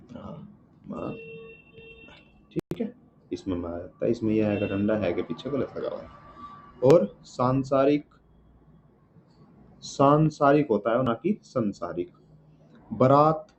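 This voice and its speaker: A man teaching a spelling lesson word by word, asking and answering his own questions and often checking with his students. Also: medium pitch. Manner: repeats each word and checks with "ठीक है". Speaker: Hindi exam teacher. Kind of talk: spelling lesson walking through words. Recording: dull lo-fi audio with faint room noise.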